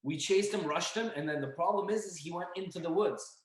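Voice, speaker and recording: A young man telling a story as a podcast guest, casual and animated, acting out the voices of the people in it. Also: high voice, a little fast. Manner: animated, acts out dialogue and yelling. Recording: echoey room.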